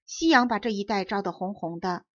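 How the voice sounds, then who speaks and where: A woman reading a children's fairy tale aloud, gentle and even in her storytelling. The recording is very dry, with a slightly muffled, dull tone. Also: mid-range voice, fairly quick, no echo. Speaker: audiobook narrator. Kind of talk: storybook narration.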